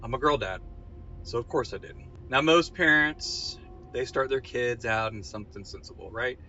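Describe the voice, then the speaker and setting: A man tells a comic story with dry asides, landing each punchline with a wry turn. His voice is bright and forward. The recording is slightly dull, with a faint vehicle hum behind it. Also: medium pitch, normal speed. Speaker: father telling a comic story.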